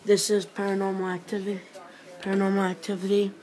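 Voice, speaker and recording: A woman's voice: mid-range voice, completely flat delivery, quick pace, darkish tone. A woman recording a late-night video diary, talking in frightened whispers and stammering often. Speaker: vlogger.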